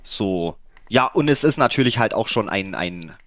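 A man co-hosting a casual podcast discussion, rambling with many fillers and restarts and sudden jumps in pitch. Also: lively intonation, moderate pace, fairly bright tone. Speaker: podcast co-host.

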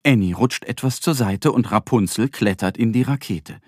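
A male storyteller reading a children's tale in a soft, expressive bedtime manner. His voice sits fairly low with a husky grain and moves a lot in pitch. The recording is close and dry. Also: normal speed, no room sound. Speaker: narrator.

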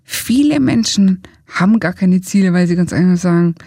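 A woman's voice: lowish voice, moderate pace, dark tone, breathy edge, no room sound, studio quality. A woman coach explaining to viewers, asking rhetorical questions and laying out her points step by step. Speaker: coach and trainer.

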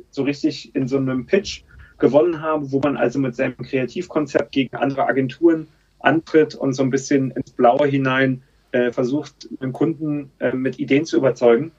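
A Berlin man in his thirties, a charity campaign manager, tells his story as a podcast guest in a casual, chatty interview full of fillers. His voice is medium-pitched and slightly rough, and the recording's highs are cut off.

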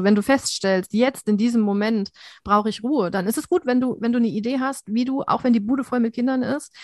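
A woman's voice: mid-range voice, a little mellow, no echo. Woman stress coach explaining stuff, earnest, lots of ähms, dry close sound. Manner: earnest, reflective, many fillers. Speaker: anti-stress coach, guest. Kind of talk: explaining advice in a podcast.

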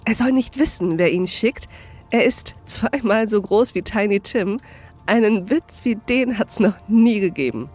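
A woman voicing a gleefully reformed elderly male miser with an excited, chuckling delivery in an audiobook reading. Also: mid-range voice, unhurried, husky, faint music behind.

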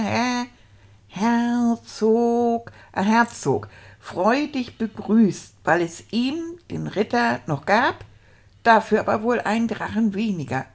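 Eager childlike male storybook reader, played by a woman, slow and halting, stumbling over long words. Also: fairly high pitch. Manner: stumbling, sounding out hard words syllable by syllable. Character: eager childlike male character learning to read. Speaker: storyteller reading aloud. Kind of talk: children's show reading.

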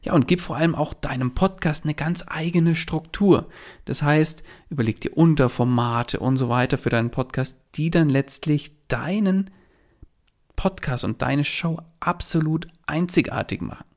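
Man, podcast coach, gravelly voice, chatty, addresses the listener directly, solo monologue. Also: on the high side, moderate pace. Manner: chatty storytelling, many filler "ja".

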